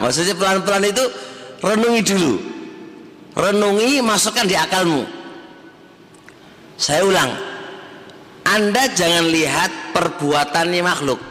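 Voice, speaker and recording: A man's voice: a little high, bright, forceful tone. A man giving a conversational sermon to a study circle, often asking the audience questions. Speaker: Islamic teacher. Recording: long hall reverb.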